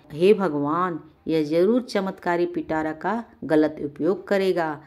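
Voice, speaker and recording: A woman's voice: fairly low pitch, darkish tone, lightly acted. A woman voicing an honest village farmer who speaks anxiously and thoughtfully.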